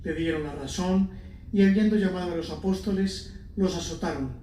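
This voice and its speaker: A man's voice: sits high, normal speed, warm tone. A man reading scripture and psalms as a lector, solemn and formal, in an echoing church. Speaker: lector at Mass. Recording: echoey church, distant mic, faint noise.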